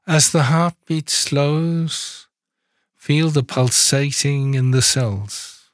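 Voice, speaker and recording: Slow, calm male meditation guide. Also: a little high, no echo, clean studio sound. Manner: calm, soft-spoken instructions with long pauses.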